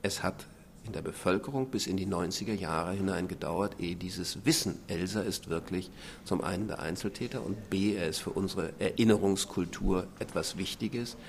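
A man gives expert commentary in an interview, deliberate and emphatic. His voice is deep with a gravelly creak, over faint room noise. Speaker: expert interviewee, memorial director.

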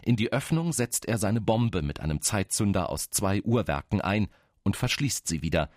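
Male narrator, deep register, sober and factual scripted documentary read, dry studio sound. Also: big pitch swings, normal speed, a little mellow, dry recording.

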